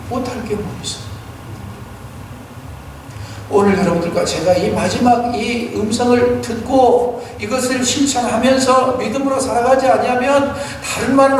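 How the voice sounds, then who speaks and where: A man's voice: high-pitched, heavy reverb, big-room sound, background noise. A male pastor giving a Sunday sermon in a church sanctuary. He exhorts earnestly, tells stories, and asks rhetorical questions, picked up by a distant room mic.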